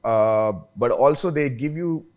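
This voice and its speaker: A man's voice: mid-range voice, a little slow, a little mellow. Indian man, emphatic interview guest. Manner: emphatic, repeats phrases, often tags "right?". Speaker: interview guest, influencer marketing expert. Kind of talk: conversational interview.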